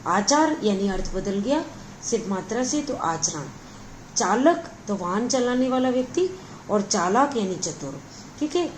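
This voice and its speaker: A woman's voice: medium pitch, big pitch swings, measured pace, slight background noise, rough recording. Patient woman teaching a grammar lesson. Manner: patient, repeats words and adds frequent check-ins. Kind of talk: explanatory Hindi grammar lesson.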